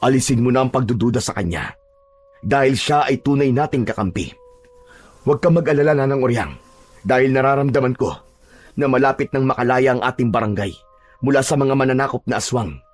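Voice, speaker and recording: Steady, reassuring village chieftain, as a man puts him on. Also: mid-range voice, soft background music, natural voice. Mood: calm. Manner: measured and reassuring. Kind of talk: audio drama storytelling.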